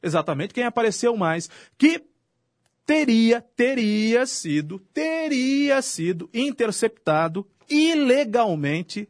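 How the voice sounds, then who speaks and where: A man's voice: very high-pitched, sing-song, takes it slowly, no room sound, studio quality. A man with a Brazilian Portuguese accent, a journalist and commentator accusing his opponent in a heated on-air debate, repeating his charges. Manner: combative, accusatory, repetitive.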